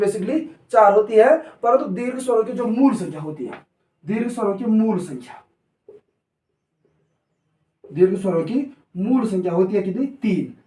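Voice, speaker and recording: A man's voice: high-pitched, darkish tone, distant mic. A male teacher giving a classroom lecture, asking questions and answering them himself, drilling the point. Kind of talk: classroom lecture with call-and-response. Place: coaching classroom. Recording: echoey room, voice off-mic.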